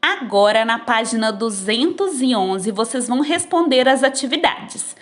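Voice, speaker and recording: A woman teacher, explaining textbook exercises to children in a slow, patient way, recorded on a phone. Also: a little high, animated.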